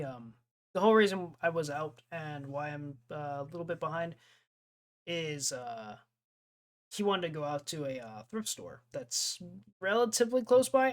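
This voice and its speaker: A young streamer in casual chat with live viewers, rambling, laughing often and jumping from topic to topic. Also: mid-range voice.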